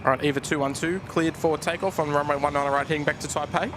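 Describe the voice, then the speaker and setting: A man's voice: on the high side, fairly even intonation, fast. A man giving casual live commentary as a livestream host outdoors. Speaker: plane spotting livestream host. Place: outdoors at an airport. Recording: outdoor ambient noise behind voice.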